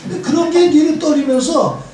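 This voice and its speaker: High-voiced older man lecturing in an echoey church. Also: normal speed, slight background noise. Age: 70s. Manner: lively storytelling with wry humor. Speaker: priest giving a Bible lecture. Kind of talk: conversational Bible lecture. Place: church hall. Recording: very echoey church hall from far off.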